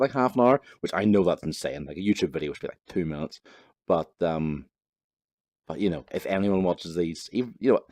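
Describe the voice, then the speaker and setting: The host of a gaming channel, a young man from Northern Ireland, rambles through a casual chat as he plays, swearing freely and laughing at himself. His voice is fairly low-pitched and darkish, with no room sound.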